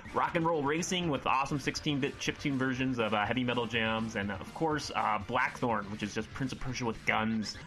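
A man's voice: fairly low pitch, sharp tone. A man presenting a scripted retro games segment, enthusiastic and full of fillers, saying he is losing his voice. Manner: enthusiastic, list-heavy delivery with many fillers.

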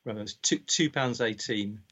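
A man's voice: on the low side, normal speed, a bit bright. A man in his sixties with a southern English home counties accent, chatting casually and reminiscing, often repeating words as he starts a sentence. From born in Scotland, grew up in Berkshire, England. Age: 60s. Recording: dull, muffled lo-fi sound.

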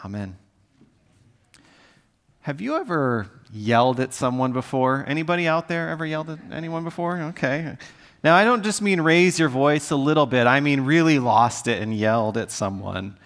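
A middle-aged man preaching a sermon as a pastor, talking in a conversational, earnest way and dropping to soft, pleading tones when he reads the scripture aloud. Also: fairly high pitch, expressive, moderate pace.

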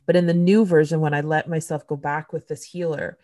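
Host, female, deep register, candid emotional storyteller, casual and blunt. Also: flat delivery, a little fast, dark tone. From Canada. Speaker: podcast host. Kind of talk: casual conversation.

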